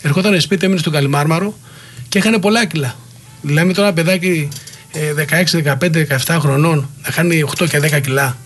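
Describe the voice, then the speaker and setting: A middle-aged man with a slightly high voice, recounting old stories as an interview guest. He rambles from one anecdote to the next and gets worked up, acting out what others said. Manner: heated, rambling anecdotes with quoted dialogue. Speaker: guest, former wrestler. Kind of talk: interview storytelling.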